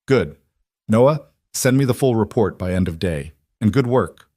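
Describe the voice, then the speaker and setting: A man voicing a calm, authoritative woman executive on a speakerphone call. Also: on the low side, a little slow, dry recording, studio quality.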